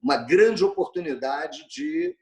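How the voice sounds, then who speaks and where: Brazilian man, interview guest, fairly high, very lively voice, animated. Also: unhurried, gravelly. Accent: Brazilian Portuguese. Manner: animated, repeats words, asks "entendeu?" often. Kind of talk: casual interview chat.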